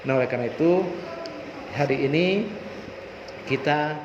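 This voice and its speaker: A man's voice: a little high, moderate pace. A man giving a motivational storytelling talk to students, asking rhetorical questions. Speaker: school orientation speaker. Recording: echoey hall, dull sound, faint noise.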